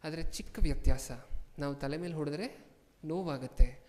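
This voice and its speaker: A man preaching a sermon as a pastor, firing questions at his congregation and repeating lines for emphasis, moving between hushed asides and loud outbursts. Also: on the high side, moderate pace. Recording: long hall reverb.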